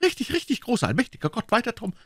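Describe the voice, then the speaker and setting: A man's voice: extremely high pitch, wildly swooping pitch, very fast, no echo, pitched above the performer's own voice, heavily acted. A man voicing a pious, emotional elderly aunt who keeps calling on God. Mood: fervent. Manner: fervent, exclaiming, invoking God.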